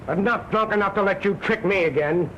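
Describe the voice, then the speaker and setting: An actor playing a drunk, jealous young gentleman who hurls bitter insults, in an early-1930s film. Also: sits high, fairly quick, highs cut off, slight background noise. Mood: menacing.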